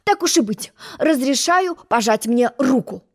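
A woman voicing a pompous, boastful egg-shaped male character in a storybook reading, haughty and quick to take offense. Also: high voice, lively intonation, darkish tone, pitched above the performer's own voice, heavily acted.

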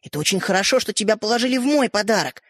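An earnest young schoolboy, eager and a little anxious, as a male reader puts him on. His voice sits high and jumps around a lot. The sound is dry and close. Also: animated, rapid-fire, no room sound.

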